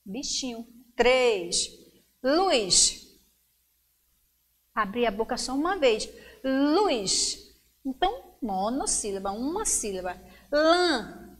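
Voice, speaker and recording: A woman's voice: a little high, fairly bright tone. A woman teacher giving a lesson to young children, encouraging them and stretching words out syllable by syllable. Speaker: schoolteacher.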